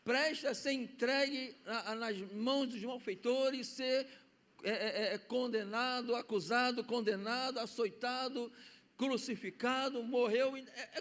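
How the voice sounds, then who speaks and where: Male preacher with a Brazilian accent and a high voice; storytelling sermon with hushed-to-loud swings, recorded in a church. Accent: Brazilian Portuguese. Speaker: pastor. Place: church sanctuary.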